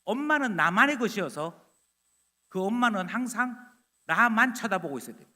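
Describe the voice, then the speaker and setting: A pastor preaches with great energy, his voice pitched very high and swooping up and down as he acts out little scenes. The tone is bright and sharp, and it carries through a church sanctuary with a long reverb. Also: normal speed. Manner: animated, loud, acting out dialogue. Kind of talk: sermon.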